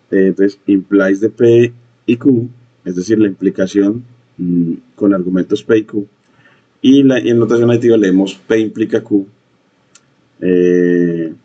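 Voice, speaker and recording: A man teaching a coding lesson, talking in a halting way with many fillers and repeated phrases. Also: low-pitched, dark tone, husky. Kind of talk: screen-share coding lesson. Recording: dull lo-fi mic.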